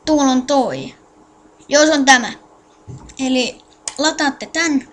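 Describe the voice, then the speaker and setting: Woman with a high voice doing a chill game tutorial, mumbles to herself while clicking, faint hiss behind. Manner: mutters to self while clicking, halting and distracted; addresses viewers directly with instructions. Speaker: tutorial maker. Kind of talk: casual screen-recorded game tutorial.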